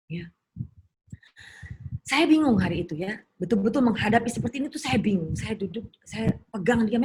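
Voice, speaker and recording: A middle-aged woman from Indonesia giving an animated personal testimony at a women's church gathering, with quick restarts and fillers, over a video call. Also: on the high side, slight background noise.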